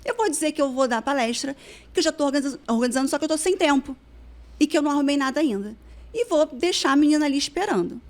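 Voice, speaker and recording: A woman's voice: sits high, fast talker. A woman, a weight-loss therapist telling stories as a podcast guest and acting out past conversations. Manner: animated, acts out dialogue from her past. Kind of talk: casual storytelling in a podcast interview.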